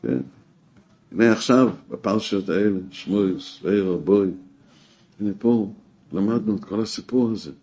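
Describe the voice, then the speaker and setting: A man teaching a weekly Torah class, emphatic, rising to exclamations and dropping low again. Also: pauses often, warm tone. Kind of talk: spoken Torah lesson.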